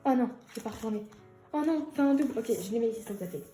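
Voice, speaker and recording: A giggly young woman talks through an album unboxing in a casual, excited vlog voice. Her voice sits on the high side with a mellow, soft tone. The room is echoey and faint music plays behind her. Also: fast.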